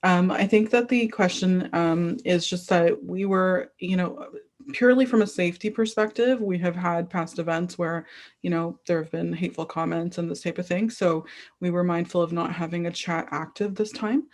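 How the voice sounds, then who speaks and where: A woman moderating an online panel over a video call. She speaks carefully and reassuringly, with a somewhat low voice and plenty of fillers. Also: steady tone, moderate pace. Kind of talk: event moderation.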